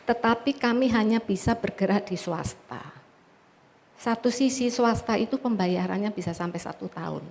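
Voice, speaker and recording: A woman's voice: medium pitch, normal speed, creaky, a little mellow, slight background noise. A woman who runs a business, asking a question from the audience at a forum, hesitant and searching for words.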